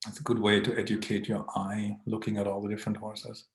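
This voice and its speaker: A man's voice: lowish voice, monotone, fast, echoey room. A man hosting a casual live online Q&A. He reads viewer comments aloud, greets people by name, and chuckles often.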